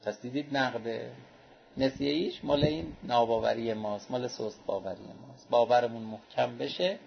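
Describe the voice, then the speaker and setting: A man's voice: gravelly, husky, muffled recording. A man preaching a sermon, telling anecdotes and acting out the people he quotes. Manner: storytelling, acts out quoted speech with raised pitch.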